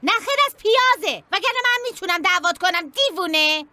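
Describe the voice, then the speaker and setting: A fiery, blunt aunt. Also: female voice, very high voice, slight background noise, exaggerated voice. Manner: animated, blunt, scolding. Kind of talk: dubbed drama.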